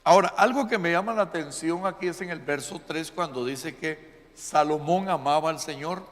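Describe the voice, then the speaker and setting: A man's voice: on the high side, moderate pace. A man preaching a sermon to his congregation, often asking them "¿verdad?" and calling them brother. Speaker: pastor. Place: church sanctuary. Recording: long reverb of a church hall.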